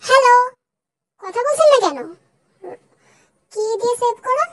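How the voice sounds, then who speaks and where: A curt young man, the older brother, played by a young woman with a high voice that she does not lower. He speaks in short, questioning lines. Faint hiss runs under the audio. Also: expressive, unhurried, a bit bright, heavily acted. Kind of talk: fan dub voice acting.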